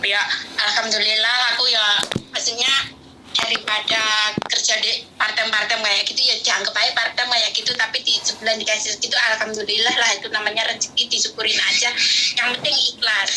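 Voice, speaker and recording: A woman's voice: a little high, level tone, fairly quick, noisy background. A woman caller telling her story over the phone, rambling and repeating herself. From Indonesia. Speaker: caller, domestic worker. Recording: tinny phone line.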